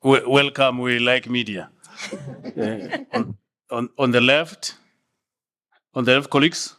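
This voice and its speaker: A man's voice: medium pitch, measured pace, pushed and bright. A man moderates a formal gathering, moving people along with short prompts. His voice sits in an ordinary middle register, and he drops in the odd light joke. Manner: brief, lightly joking. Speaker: event moderator. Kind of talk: moderating round of introductions.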